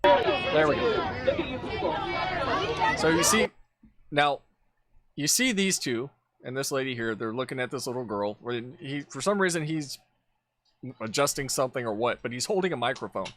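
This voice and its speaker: A man's voice: medium pitch, animated, moderate pace, fairly bright tone, no room sound, a faint crowd. A man giving casual commentary over video clips, blunt and profane, ranting with exasperation. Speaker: political commentator.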